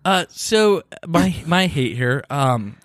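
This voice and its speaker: A man's voice: on the high side, lively intonation, takes it slowly, fairly bright tone, dry recording, clean studio sound. A man co-hosting a casual podcast, chatty and playfully complaining, often laughing. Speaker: podcast co-host. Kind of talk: casual chat.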